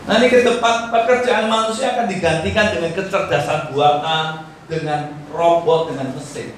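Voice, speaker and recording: Guy preaching in a church, fairly high voice, big echoey hall, kinda far from the mic. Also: fairly even intonation, moderate pace, a little hiss or hum. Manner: exhorting, acts out prayers and quotes, swings from loud to hushed. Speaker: pastor. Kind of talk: sermon.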